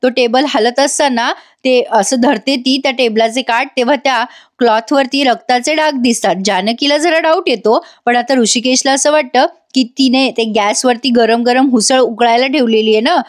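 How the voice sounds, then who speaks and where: Speaking at normal speed in a slightly high voice, this woman recaps a TV serial in a chatty voice-over. She reviews the show while addressing her audience directly.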